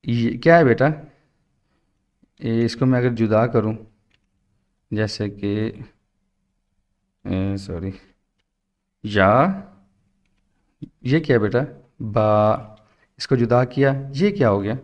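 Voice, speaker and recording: A man teaching a tajweed lesson online, patiently explaining and drawing out letter sounds slowly while mixing English words into his teaching. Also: mid-range voice, highs cut off. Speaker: Quran teacher. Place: at home for an online class. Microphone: computer mic on a video call.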